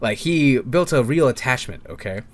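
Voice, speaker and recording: A man's voice: medium pitch, expressive, normal speed. A young man co-hosting a casual podcast, talking animatedly with frequent laughs and stumbling restarts. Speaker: podcast co-host.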